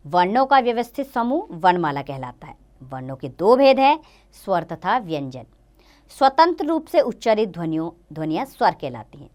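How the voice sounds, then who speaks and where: A woman teacher giving a grammar lesson to children, slowly sounding out letters one by one. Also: on the low side, big pitch swings, a little mellow.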